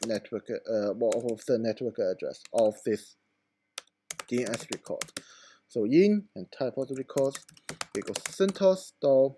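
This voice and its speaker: There's a slight hum or hiss under this mellow, mid-pitched male voice, which is rough and fading. He stumbles informally through a computer tutorial recorded from his screen, leaning on lots of filler words.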